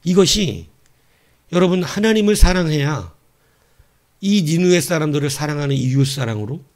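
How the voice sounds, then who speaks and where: A middle-aged man preaching a sermon as pastor, telling the story playfully with laughs and dropping to quiet asides. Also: on the high side, expressive, normal speed.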